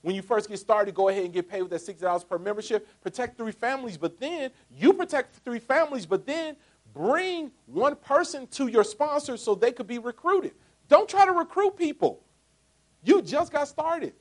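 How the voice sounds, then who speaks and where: Pitching a business opportunity to a live crowd, this forties-aged man delivers a jokey motivational sales talk full of rhetorical questions, alternating punchy loud lines with quiet asides. His voice is extremely high-pitched and expressive, at a moderate pace.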